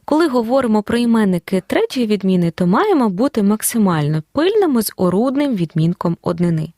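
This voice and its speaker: Woman, language teacher, scripted lesson voice, very animated intonation, close and dry. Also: mid-range voice, dry recording. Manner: clear, deliberate explanation of grammar rules. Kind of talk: scripted audio lesson narration.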